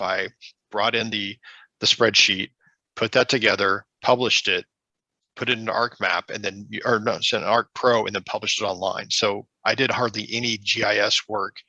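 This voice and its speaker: A man's voice: fairly low pitch, sharp tone, dry recording, rough recording. A man presenting at a conference over a video call, answering a question in a rambling, self-correcting way. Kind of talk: casual Q&A answer.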